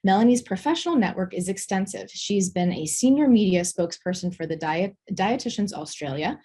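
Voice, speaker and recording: A woman hosting a webinar, reading a formal, measured introduction of the speaker. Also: medium pitch, animated, dark tone, husky. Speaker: webinar host.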